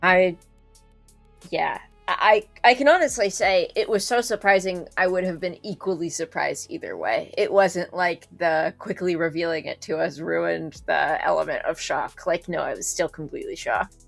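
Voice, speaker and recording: Teasing young woman with gravelly fry. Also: fairly low pitch, no room sound, soft background music. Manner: teasing, quick laughs. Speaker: player on the show. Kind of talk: casual behind-the-scenes chat.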